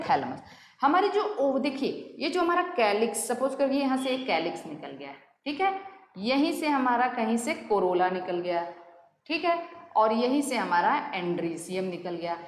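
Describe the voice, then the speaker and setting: A woman teacher, lecturing on biology and asking and answering her own questions. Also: on the high side. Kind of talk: classroom lecture. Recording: echoey room with loud noise.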